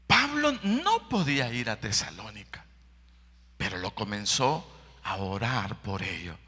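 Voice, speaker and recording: A man preaching a sermon as pastor, with a Salvadoran accent, swinging between hushed whispers and loud, impassioned calls. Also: on the low side, very animated, unhurried, slightly rough. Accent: Salvadoran Spanish. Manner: impassioned preaching, drops to whispers and rises to shouts. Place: church. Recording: echoey church hall reverb.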